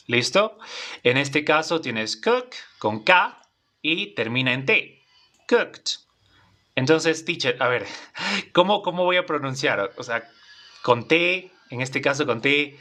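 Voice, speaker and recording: Speaking Spanish in a mid-range voice with a sharp tone, a man teaches an English class. He is patient and repetitive, repeating phrases and often checking in with his students by asking "¿vale?"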